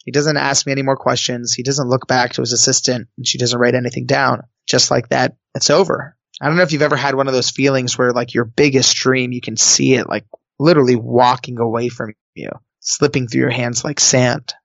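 Animated male storyteller, comic timing. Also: medium pitch, a little fast, creaky, dry recording, muffled recording. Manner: lively, comic, jumps into quoted voices. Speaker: guest telling a personal story.

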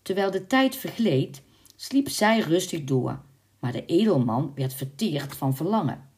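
Brief: deep-toned female storyteller, measured and expressive. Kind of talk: storybook narration.

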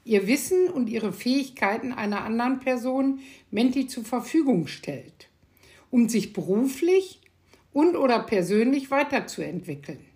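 A woman's voice: on the high side, expressive, a little slow, darkish tone, breathy edge. An older woman, an architect hosting her own podcast, speaking in a thoughtful, hesitant way with many filler sounds. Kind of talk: casual monologue.

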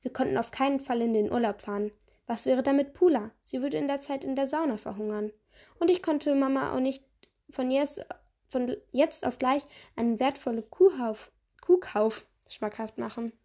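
A woman's voice: high-pitched, normal speed, warm tone. A woman reading a children's novel aloud steadily, with small slips and restarts. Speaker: podcast reader.

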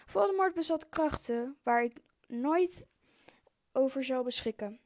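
A woman reading the lines of a calm, wise old male wizard headmaster in a storybook, slowly and with small slips. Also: sits high, no echo. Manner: read aloud slowly with slips.

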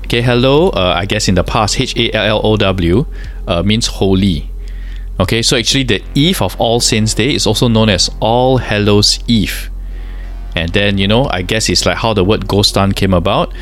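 A Singaporean man with a fairly low voice co-hosts a paranormal podcast. He chats casually and tells everyday anecdotes in colloquial speech. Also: normal speed, soft background music.

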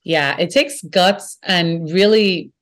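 A woman with a Brooklyn accent chats as an interview guest. She talks in an animated, joking, storytelling way. Her voice sits slightly low for a woman. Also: slow. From Brooklyn, New York. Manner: animated, jokey, lively storytelling. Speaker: actor and guest. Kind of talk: casual interview chat.

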